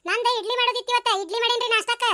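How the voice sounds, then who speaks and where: A woman's voice: very high voice, steady tone, racing, sharp tone. A woman voicing a cheeky, sarcastic young village daughter-in-law in a cartoon comedy, with a North Karnataka Kannada accent. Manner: argumentative, sarcastic back-talk.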